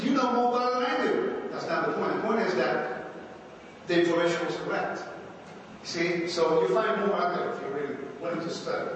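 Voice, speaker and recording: High-voiced man teaching in an echoey hall. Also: fairly bright tone, slight background noise. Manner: conversational, repeats himself, often checks if listeners follow. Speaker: Torah teacher. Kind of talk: informal teaching talk. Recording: echoey hall, mic from far off.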